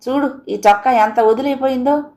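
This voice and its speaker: A woman's voice: high-pitched, moderate pace, warm tone, pitched above the performer's own voice, close to an everyday voice. A woman voicing a doting old village grandmother who scolds and coaxes her grandson. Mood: fussing. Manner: scolding, coaxing.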